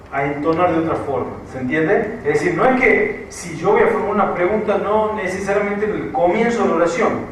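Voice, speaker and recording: A man with an Argentine Spanish accent and a high-sitting voice teaches a writing class, explaining step by step, repeating points and checking that students follow. The lecture is recorded from afar in an echoey classroom with slight background noise.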